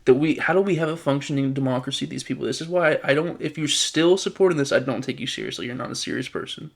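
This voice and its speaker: A man's voice: mid-range voice, quick pace, creaky. A man delivering a casual political commentary, reading news items one after another in a mid-range voice that sits right in the middle. He reacts to each with exasperated, sarcastic asides and keeps stumbling and restarting his sentences.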